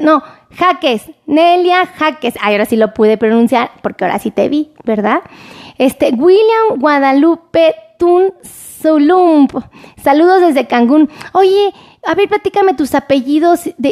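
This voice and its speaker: A Mexican woman doctor hosting a live stream, chatting warmly and greeting viewers by name. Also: sits high. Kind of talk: casual live-stream chat reading viewer comments.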